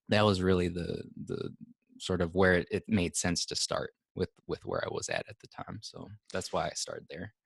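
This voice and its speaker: A young man from Hawaii speaking as a podcast guest, relaxed and laid-back, with a lot of filler words. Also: deep voice, creaky, dry recording, clean studio sound. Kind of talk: casual conversation.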